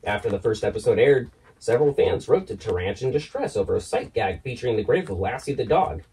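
A man's voice: lowish voice, expressive, fast talker, a little mellow, recorded from a distance, poor audio. A man narrating a scripted documentary in the manner of a horror host, wry and theatrical. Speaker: horror host puppet presenter.

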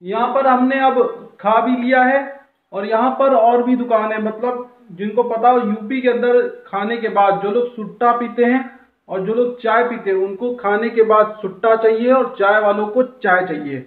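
Guy vlogging food, fairly high voice, tinny phone-line sound. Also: steady tone, moderate pace. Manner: chatty, guiding the viewer along. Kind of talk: casual walking food-vlog narration. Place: outdoor street and busy food shop. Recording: tinny phone-like street recording.

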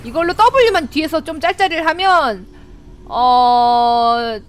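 A young woman streaming a game live, chatting with viewers and her team in an excitable, talkative way. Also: sits high, slow pace.

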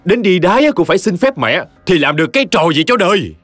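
A man's voice: sits high, very animated, fast talker, fairly bright tone, no echo, soft background music, voice pushed up, exaggerated voice. A man doing a furious, cursing old father. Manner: roaring, cursing. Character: furious older father, hot-tempered.

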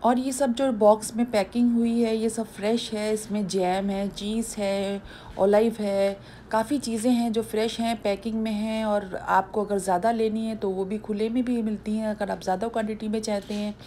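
A woman's voice: mid-range voice, steady tone, normal speed, dark tone, a little hiss or hum. A woman vlogger chatting casually as she walks viewers through a supermarket, explaining what is on the shelves. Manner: chatty, explanatory tour guiding. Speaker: food vlogger. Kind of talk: casual shopping vlog voice-over.

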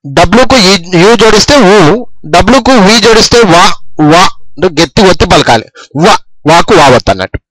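Lively high-voiced male English teacher. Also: dry recording, low-quality recording. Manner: slow, repetitive dictation, stressing each sound. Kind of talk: phonics lesson explained in Telugu.

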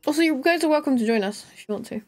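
A woman's voice: high voice, lively intonation, racing, darkish tone. A woman streaming a game, chatting casually with viewers and a friend and laughing often. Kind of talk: casual live-stream chat while gaming.

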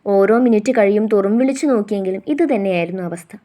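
A woman's voice: mid-range voice, quick pace, mellow. Woman narrating a love story. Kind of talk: first-person love story reading.

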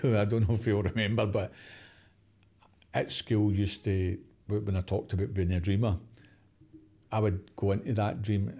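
A Glaswegian man in his sixties, an interview guest and former footballer, telling stories in a casual, animated way, acting out quotes and laughing often. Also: lowish voice. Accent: Glaswegian Scottish. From Glasgow, Scotland.

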